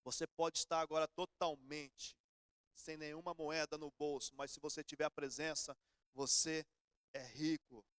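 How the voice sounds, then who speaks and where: High-voiced Brazilian pastor preaching. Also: male voice, little pitch movement, moderate pace, fairly bright tone, clean tone, dry recording, studio quality. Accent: Brazilian Portuguese. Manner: conversational storytelling preaching. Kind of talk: sermon. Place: church.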